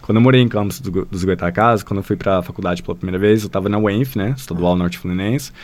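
A man's voice: deep voice, quick pace, a little mellow. A man with a Brazilian Portuguese accent, a language school founder, who talks as a podcast guest. He tells stories in a rambling way, uses many fillers, and often addresses the listener directly. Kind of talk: casual podcast conversation.

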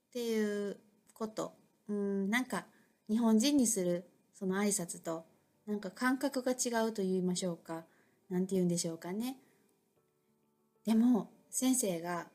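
A woman's voice: medium pitch, a little mellow. A middle-aged woman with an Osaka accent, an English school owner hosting a casual solo talk, chatty and reflective with many fillers. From Japan.

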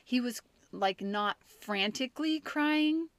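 A woman in her thirties with a slightly high voice talks earnestly on a casual podcast. She gets animated whenever she acts out what someone said. The sound is dry and close to the mic. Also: slow, no room sound. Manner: earnest, animated when acting out quotes. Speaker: podcast co-host.

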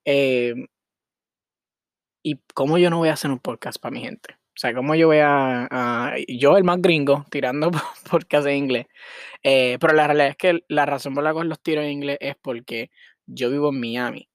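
A man's voice: medium pitch, moderate pace, no echo, clean studio sound. A young man from Puerto Rico with a Puerto Rican accent, hosting his solo podcast in a rambling, frank way, with English words mixed in. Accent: Puerto Rican Spanish. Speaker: podcast host. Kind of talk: casual solo podcast monologue.

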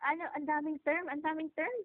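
A woman's voice: high-pitched, little pitch movement, fairly quick, no echo. A young Filipino woman co-hosting a podcast, chatting and giggling over a phone call. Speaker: podcast co-host. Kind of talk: casual chat. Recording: tinny phone line.

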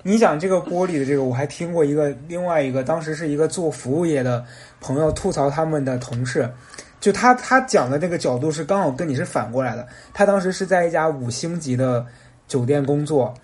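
A man co-hosting a podcast, retelling anecdotes in a relaxed, casual chat and voicing the people in them. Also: on the high side, brisk. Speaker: podcast co-host.

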